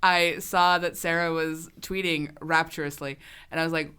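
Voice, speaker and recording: A woman's voice: low voice, steady tone, moderate pace, pushed and bright, clean tone. A woman hosting a pop culture podcast, chatting enthusiastically with casual fillers. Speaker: podcast co-host. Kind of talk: casual chat.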